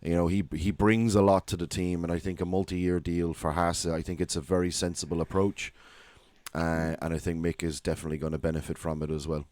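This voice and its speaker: Low, flat-voiced podcast co-host. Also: male voice, a little fast, no room sound. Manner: hesitant, repeats words while thinking aloud. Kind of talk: casual motorsport discussion.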